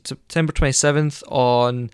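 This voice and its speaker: A man with a smooth, clear voice chats loosely on a podcast, wandering through his points with plenty of ums and likes. The sound is dry and close, with no room around it. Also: medium pitch, steady tone, normal speed, dry recording. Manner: rambling, hesitant, many fillers. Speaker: podcast co-host. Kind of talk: casual chat.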